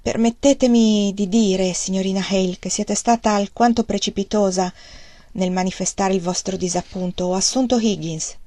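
A woman's voice: mid-range voice, fairly even intonation, moderate pace, warm tone, no room sound, clean studio sound, lightly acted. A woman reading a stern, proud mill owner.

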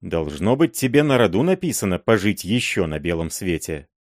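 A man's voice: low voice, big pitch swings, normal speed, no echo, clean studio sound, full character voice. A man voicing a shrewd, blunt older robber chief who talks in an earthy, folksy way. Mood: gruff persuasion.

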